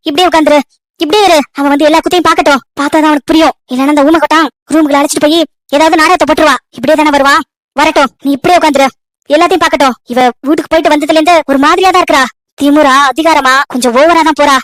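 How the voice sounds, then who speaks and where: A woman's voice: sits high, no echo. A woman voicing a self-righteous elder sister in a cartoon story, lecturing persuasively.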